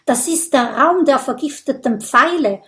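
A clever little boy dragon from a children's storybook, calm and resourceful, as a woman reads him. He explains things in a slow, bright-pitched voice.

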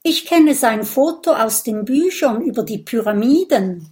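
An eager little boy fire dragon from a storybook, voiced by a woman reader. He talks with bright curiosity, keen on secrets and adventure. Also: a little high, a little slow. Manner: eager, bookish, lively.

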